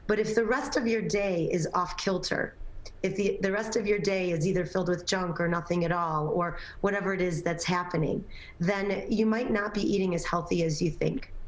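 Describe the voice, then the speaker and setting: This morning TV guest, a woman who coaches fitness and nutrition, has a lowish, slightly scratchy voice with fairly even intonation and a moderate pace. She talks casually and uses lots of fillers, and the recording sounds roomy.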